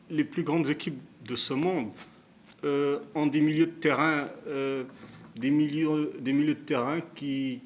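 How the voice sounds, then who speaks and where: A man's voice: medium pitch, slight background noise. A man giving his spoken opinion on a football match, hesitant, with many fillers and restarts. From Canada, Montreal area. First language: Moroccan heritage; first language not stated. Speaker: amateur football commentator. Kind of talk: casual spoken match analysis.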